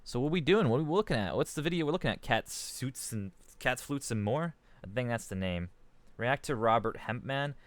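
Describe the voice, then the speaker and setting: A man's voice: mid-range voice, lively intonation, brisk, no room sound. A man rambling casually on a live stream, restarting his sentences and reading chat aloud into a desk microphone.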